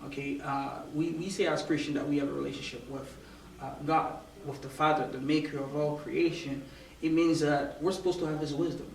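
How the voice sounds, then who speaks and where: Soft-spoken hesitant male guest. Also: on the high side, flat delivery, fairly quick, creaky. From born in Romania, raised in Africa. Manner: hesitant, repeats words while thinking. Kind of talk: casual interview chat. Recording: roomy, distant mic, faint noise.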